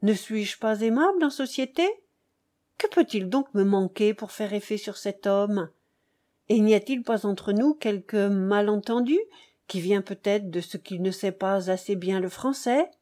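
A woman voicing a cheerful, frivolous young French count, with a light and lively tone in an audiobook reading. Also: medium pitch, a little slow, close to an everyday voice. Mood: puzzled.

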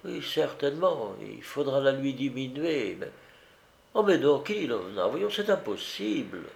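Fretful noble landlady, man voicing, high-pitched, hesitant, agitated. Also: a little slow, gravelly. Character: fretful noble landlady, middle-aged woman.

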